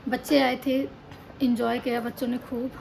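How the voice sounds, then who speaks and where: Tired young woman vlogging at home, high voice. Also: flat delivery, moderate pace, creaky, darkish tone. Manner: chatty, tired and complaining. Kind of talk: casual home vlog. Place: indoors at home. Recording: noisy home recording. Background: child crying and playing.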